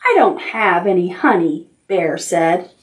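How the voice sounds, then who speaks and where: A middle-aged woman hosts a preschool storytime at a library, using simple, encouraging phrases and repeating herself for young listeners as she instructs and reads aloud. Her lowish voice has lively intonation and a slightly slow pace, sounding reverberant and far from the mic against a noisy background. She's in an indoor room decorated with stuffed toys.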